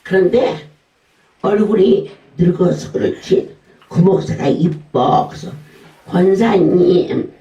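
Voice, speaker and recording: Folksy pastor. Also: male voice, high-pitched, animated, measured pace, pauses often, mellow, dull audio. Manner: folksy storytelling, mimics voices. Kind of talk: sermon. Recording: echoey room, voice from far off.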